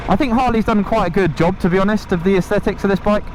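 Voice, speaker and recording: A man's voice: high-pitched, quick pace. A man giving casual motorcycle review commentary while riding, speaking from behind a helmet visor. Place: outdoors, riding a motorcycle on wet roads. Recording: loud engine, wind and road noise.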